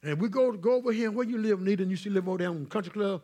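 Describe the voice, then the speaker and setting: A man, a pastor preaching a sermon in church, swinging between loud calls to the congregation and hushed asides. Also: sits high, rapid-fire.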